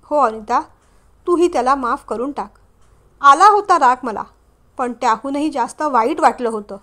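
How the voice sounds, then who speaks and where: A gentle middle-aged father speaks calmly and thoughtfully, as a woman acts him out in a storybook reading. The voice stays high. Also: moderate pace.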